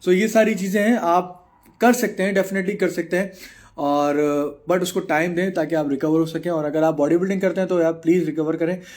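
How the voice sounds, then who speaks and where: This thirty-something man has a high, darkish voice and a steady tone. A bodybuilder with a Pakistani Urdu accent, he chats on a live stream, answering viewers' comments in Urdu mixed with English and filling gaps with frequent pauses.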